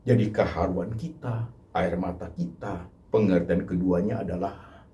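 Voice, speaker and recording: A man with an Indonesian accent preaching a Good Friday sermon, moving between hushed pleading and loud, impassioned appeals to the congregation. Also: sits low, measured pace. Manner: addresses congregation repeatedly as brothers and sisters. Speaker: pastor.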